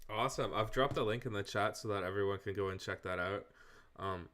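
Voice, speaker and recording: A man with a fairly low voice hosting an interview over a video call. He sounds friendly and encouraging and fills his questions with ums and likes. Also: fairly quick, a crowd in the background. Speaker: interview host.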